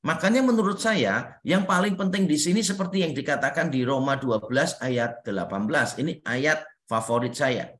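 A man who is a pastor and counselor, giving a relaxed, conversational Bible study and repeating his key points. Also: on the high side, moderate pace. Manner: conversational, repeats points, frequent "nah" fillers. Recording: roomy echo.

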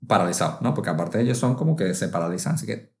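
A man, telling a comic travel story in a lively way, full of sound effects and acted-out inner voices. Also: on the low side, racing, reverberant. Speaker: travel vlogger.

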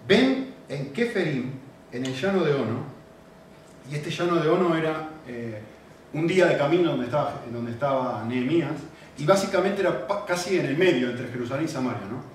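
A man's voice: fairly high pitch, far from the mic. A man with an Argentine accent preaching a sermon, walking through a text and putting questions to the audience. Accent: Argentine Spanish. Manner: conversational, asks the audience questions. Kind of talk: expository sermon. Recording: echoey hall, mic from afar, faint hiss.

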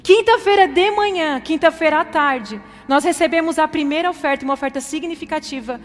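A woman's voice: sits high, brisk. A woman pastor preaching a testimony sermon in a fervent, impassioned way. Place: church hall. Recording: reverberant hall with faint music.

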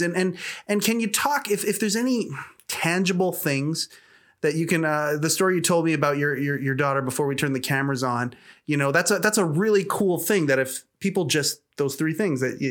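A man's voice: on the high side, a bit bright. A man hosting a podcast, asking long, earnest questions in casual chat and often repeating words as he builds them. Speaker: podcast host.

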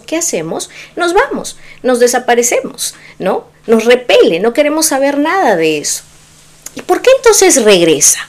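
A woman coaching her listener on relationships, speaking directly and personally as if to one friend. She presses her points with emphatic rhetorical questions, at a mid pitch for a woman. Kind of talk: direct-to-camera advice talk.

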